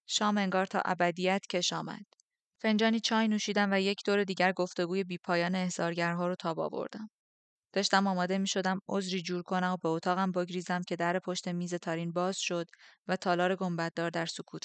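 Low-pitched woman narrator, steady subdued reading; dry, close. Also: dry recording. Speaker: audiobook narrator. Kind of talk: scripted first-person narration.

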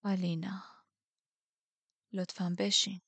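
A woman voicing a calm, commanding man who speaks quietly, in a low measured near-whisper. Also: gravelly, breathy edge, dry recording.

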